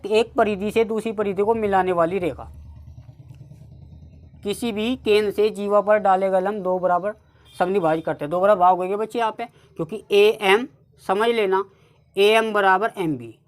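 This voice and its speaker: A woman with a North Indian accent teaching a maths lesson step by step, often addressing her students as children. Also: medium pitch. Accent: Hindi-speaking North Indian. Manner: keeps addressing the class as "children", repeats steps slowly.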